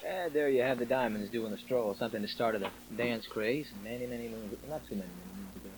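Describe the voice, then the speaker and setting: A man's voice: medium pitch, fast talker. A man hosting a military radio show as an upbeat disc jockey, with jokey, ad-libbed, conversational banter. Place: small radio station studio. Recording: noisy 1960s radio broadcast tape.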